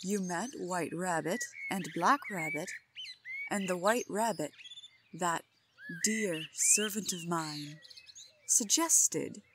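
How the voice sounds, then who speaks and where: Woman acting as possessive yandere queen, asmr roleplay, bit low and slow, regal and controlling, noisy recording. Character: possessive, imperious Queen of Hearts, obsessive and menacingly sweet. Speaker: voice actor in audio roleplay. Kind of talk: ASMR audio roleplay drama.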